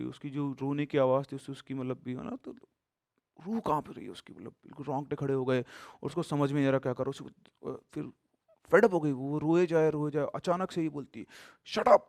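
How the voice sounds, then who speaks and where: A man telling a horror story casually and animatedly, mixing in English words and swinging between loud suspense and hushed tones. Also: on the high side, fairly even intonation, a little fast, dry recording, studio quality.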